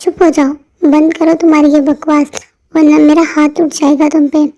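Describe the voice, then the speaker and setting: A woman's voice: high-pitched, little pitch movement, normal speed, lightly acted. A woman voicing a worried, fierce middle-aged mother in an amateur fan dub drama, speaking anxiously and scoldingly. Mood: anxious, angry. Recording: muffled lo-fi audio with soft music.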